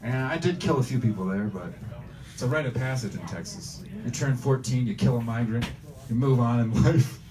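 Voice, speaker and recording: In a noisy retro video game store, far from the microphone, a Bosnian comedian riffs crude improvised stand-up and goads the shoppers. He speaks in a mid-range voice at a moderate pace, with a brash manner.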